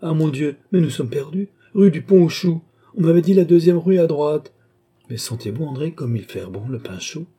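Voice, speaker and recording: A man voicing a lively noblewoman of about thirty who gives brisk, commanding orders. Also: medium pitch, breathy edge. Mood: flustered. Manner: brisk, imperious questions.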